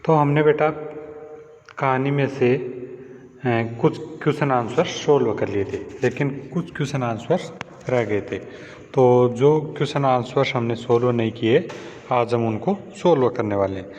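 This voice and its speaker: A man's voice: mid-range voice, a little slow, a little mellow. A man teaching a children's lesson in in, patiently repeating questions and calling his pupils "beta". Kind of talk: classroom lesson explaining answers. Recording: dull lo-fi audio with long reverb and faint hiss.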